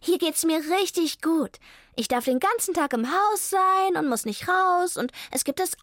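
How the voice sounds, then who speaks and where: A woman's voice: very high-pitched, expressive, normal speed, a bit bright, no echo, clean studio sound, voice pushed up. Woman voicing a spoiled, carefree kitten. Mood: smug. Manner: cheerful and unbothered. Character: spoiled, carefree young female cat.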